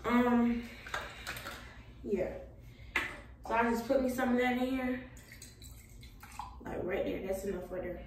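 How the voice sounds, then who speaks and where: A woman's voice: on the high side, takes it slowly, pauses often, roomy sound, recorded from a distance, heavy background noise. A young woman vlogging at home in a casual, chatty way, tired and a little out of breath. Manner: laid-back, chatty, Southern US slang. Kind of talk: casual chat to camera.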